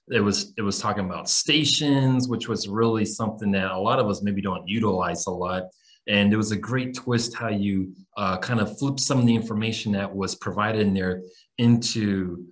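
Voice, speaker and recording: A man in his thirties with an American accent, casually hosting an online teacher webinar in an informal, encouraging way over a video call. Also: on the low side. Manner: informal, addresses listeners as guys. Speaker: webinar host and English teacher trainer. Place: small room on a video call.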